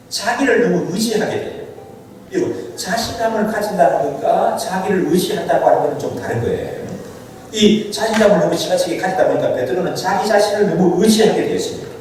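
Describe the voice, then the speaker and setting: High-voiced pastor preaching in an echoing hall. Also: male voice, darkish tone, slight background noise. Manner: dramatic storytelling with rhetorical questions. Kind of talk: sermon. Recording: echoey church hall from far off.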